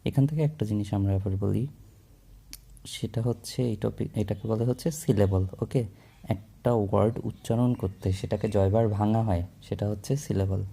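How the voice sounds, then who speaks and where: A man's voice: lowish voice, steady tone, fairly quick, creaky, mellow, slightly rough. A man explaining English grammar in a casual classroom way, mixing in English terms and checking in with "okay?" often while he writes. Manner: writes on a board while talking.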